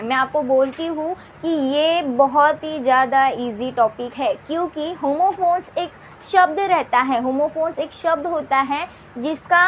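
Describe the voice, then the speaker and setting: A woman teacher with an Indian accent explaining a grammar lesson to students, repeating points and dictating definitions slowly. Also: sits high, muffled recording, slight background noise. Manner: repetitive, addresses students directly, slow dictation of definitions.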